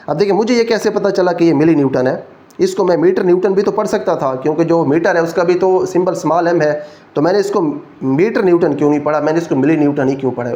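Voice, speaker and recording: A man's voice: on the high side, dark tone, muffled recording. A man with a Pakistani Urdu accent giving a physics lecture, explaining each rule step by step and checking in with his students. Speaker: physics teacher. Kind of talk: classroom lecture.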